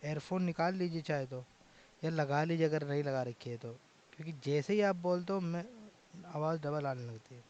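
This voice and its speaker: Brief: male grammar teacher, high voice, dry dull call audio, quizzes his class as he goes. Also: a little mellow. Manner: drills with repeated questions to students. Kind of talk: online class lecture.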